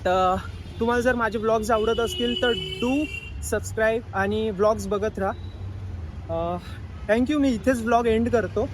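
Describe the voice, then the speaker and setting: Filming a daily vlog on a handheld phone, a young Mumbai man who hopes to become an actor talks easily in Marathi sprinkled with English, both inside and out on the street. He speaks a little slowly in a high voice, and the low-quality audio has a faint hiss or hum.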